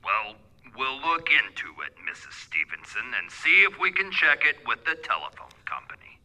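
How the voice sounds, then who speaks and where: Actor as male desk sergeant, radio play, hard bright voice, lively inflection, politely dismissive. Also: mid-range voice, normal speed, heavily acted, poor audio. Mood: detached, placating. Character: stolid, placating male police desk sergeant.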